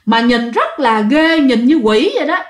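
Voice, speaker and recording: A woman's voice: sits high, expressive, normal speed, roomy sound. Chatty Southern Vietnamese woman telling ghost stories. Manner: chatty, addresses listeners directly. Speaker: ghost story narrator. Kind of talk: casual spoken storytelling.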